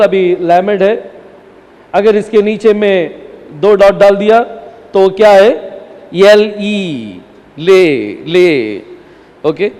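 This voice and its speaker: A man's voice: high-pitched, darkish tone. A man teaching a Bible language class from a chart, asking the class questions and answering them himself, with English words mixed in. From India. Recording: hall with long reverb.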